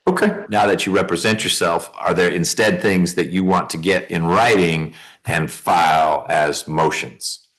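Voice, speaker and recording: In a courtroom, a man acting as judge walks through procedure in plain, conversational language, checking that he's being understood. His voice is low and fairly bright, with a steady tone and a measured pace. It's an informal explanation from the bench.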